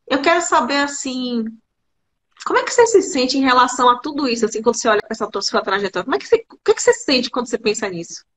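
A woman's voice: high-pitched, sing-song, racing. A woman hosting a podcast, asking rambling interview questions full of fillers. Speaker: podcast host and teacher.

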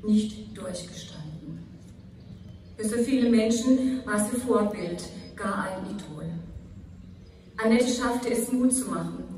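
A woman reading a prepared funeral eulogy to an outdoor gathering, solemn and measured, with deliberate phrasing. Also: medium pitch, dark tone. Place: outdoor gathering outside a church. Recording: echoey amplified speech from far off, light noise.

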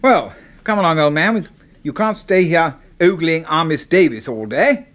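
A man with a fairly high, bright, expressive voice plays a jovial, chummy English doctor in a 1970s radio drama. He speaks at a normal pace with a British accent, his manner breezy and hearty, full of chuckles and clipped old-chap talk.

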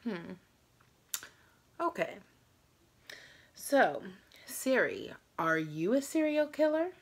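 A woman's voice: mid-range voice, very animated, slow pace, creaky. A tired woman in her thirties chatting casually to camera as she hosts a challenge vlog. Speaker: host of a challenge video. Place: small room at home.

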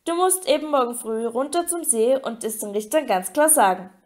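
A woman's voice: fairly high pitch, animated, normal speed, darkish tone, close to an everyday voice. A woman voicing an anxious teenage wizard boy who talks desperately and breathlessly.

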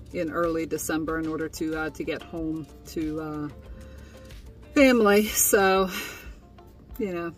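A woman's voice: fairly low pitch, distant mic. A young woman recapping her day in a casual vlog from inside a tent, chatty and full of fillers. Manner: chatty, with frequent fillers and laughs. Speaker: vlogger. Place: inside a tent, small and indoors.

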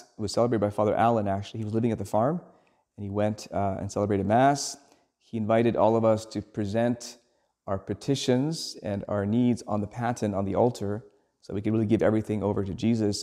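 A priest in his forties, from Sri Lanka, gives a homily in an earnest, measured way, often pausing on "uh" and "um." His voice sits a little low and sounds mellow and warm. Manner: measured, earnest, with frequent ums and uhs.

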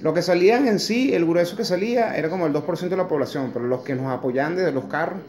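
Talking fast in a slightly high, darkish voice, a man in his forties with a Venezuelan accent records an angry opinion piece at home. He swears, mocks, and drops sarcastic asides straight to a phone camera held close in his kitchen, where the audio echoes.

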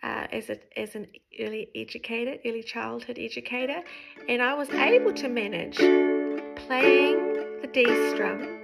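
A woman's voice: fairly high pitch, unhurried, creaky, over loud music, low-quality recording. A woman, teaching ukulele in a friendly, encouraging way from her living room, recorded close on a phone. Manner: friendly, encouraging, explains while strumming. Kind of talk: spoken tutorial between songs. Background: ukulele strumming.

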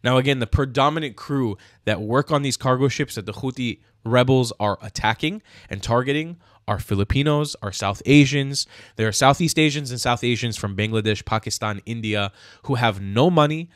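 A young American YouTuber rants in his own commentary video, heated, sarcastic, and swearing. He speaks at a normal speed in a mid-range, slightly bright voice into a stand-mounted studio mic, wearing headphones in a small room with no echo.

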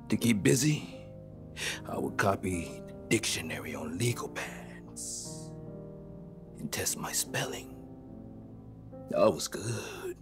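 An actor playing a menacing, theatrical crime kingpin in a short film, who swings between hushed whispers and sudden yelling. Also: male voice, lowish voice.

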